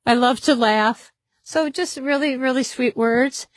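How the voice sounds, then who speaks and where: A woman's voice: sits high, measured pace, no echo, studio quality. A woman hosting a casual product demonstration in a fabric shop, chatty and upbeat, often repeating herself.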